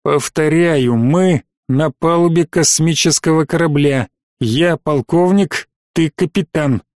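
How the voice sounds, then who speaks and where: A man's voice: fairly high pitch, slow pace, darkish tone, no echo, clean studio sound. Man reading as stern weary space colonel. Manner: clipped, commanding.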